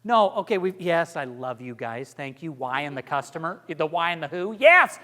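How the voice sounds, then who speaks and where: A man presenting a workshop, energetic and joking, quizzing his audience as he teaches. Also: on the high side, normal speed. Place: lecture room with audience. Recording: long hall reverb.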